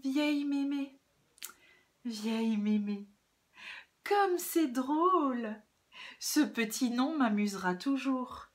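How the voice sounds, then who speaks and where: A woman voicing a gentle, sly old grandmother in a children's storybook, talking softly and soothingly. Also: high voice, expressive, slow pace, pauses often, pitched above the performer's own voice. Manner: soft and soothing.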